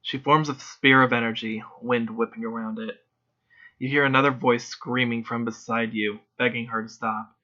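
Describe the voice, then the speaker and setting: Bright-voiced male game master. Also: medium pitch, steady tone, normal speed, lo-fi sound. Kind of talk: narrating a tabletop role-play.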